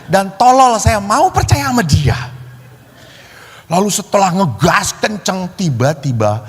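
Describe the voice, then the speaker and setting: Animated priest in an echoing church. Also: male voice, high voice, measured pace, slightly rough. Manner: animated, acts out quoted voices with shouts. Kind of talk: humorous sermon storytelling. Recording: long reverb of a large hall.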